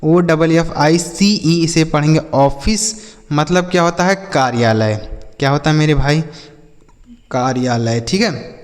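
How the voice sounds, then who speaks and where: A man's voice: a little high, measured pace. A man teaching English vocabulary, spelling each word letter by letter and repeating its meaning, often asking a question and then answering it himself. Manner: repetitive, asks and answers his own questions. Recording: long hall reverb.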